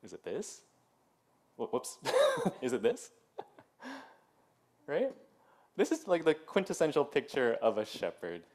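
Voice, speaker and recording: In a church sanctuary, a pastor in his thirties delivers a casual, chatty sermon packed with "like" and "um" and laughing asides. His medium-pitched, slightly mellow voice swings hugely in pitch, and he speaks slowly with long pauses.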